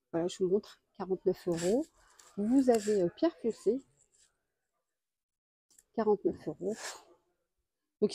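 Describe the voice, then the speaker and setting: A woman, a deal-hunting vlogger, walks through a store aisle and lists prices and sizes. She speaks in a chatty way and pauses often. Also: mid-range voice, dark tone, slightly rough, dry recording. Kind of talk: casual store walkthrough. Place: home improvement store aisle.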